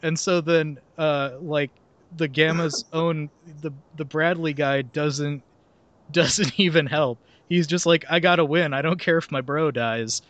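A young man on a comedy podcast reads a film synopsis aloud, breaking off into laughter and sarcastic asides in a casual, comedic chat. His voice is fairly high and bright, with fairly even intonation and a slightly slow pace, recorded without echo.

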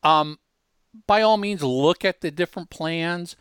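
This podcast host has a fairly high, slightly bright, clean voice, recorded in a clean studio with no echo. He talks in a conversational demo style, emphatic but halting, often restarting his words.

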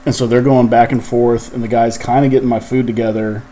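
A man's voice: mid-range voice, little pitch movement, fairly quick, warm tone, a little hiss or hum. A man hosting a podcast, telling a long rambling story in casual chat, full of fillers and laughing as he goes. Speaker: podcast host.

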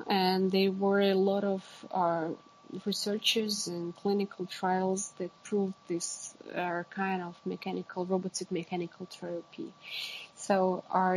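A woman giving interview answers about technical work, haltingly searching for words in English. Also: on the low side, a little hiss or hum, rough recording. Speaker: interviewee, exoskeleton company representative.

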